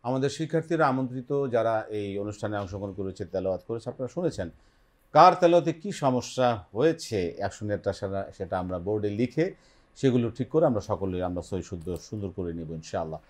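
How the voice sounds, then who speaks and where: A man's voice: on the low side, lively intonation, quick pace. Bengali-accented man teaching Quran recitation. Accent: Bangladeshi Bengali. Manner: patient teaching, models pronunciation and has the class repeat it. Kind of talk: televised Quran lesson. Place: television studio.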